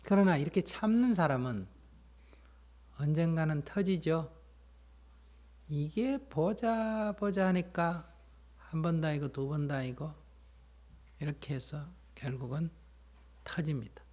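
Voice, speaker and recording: A man, a Buddhist monk, giving a dharma talk that explains and tells stories, sometimes asking his listeners questions and dropping to a soft, whispery emphasis. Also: on the high side, measured pace, pauses often. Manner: plain explanatory storytelling, asks listeners questions.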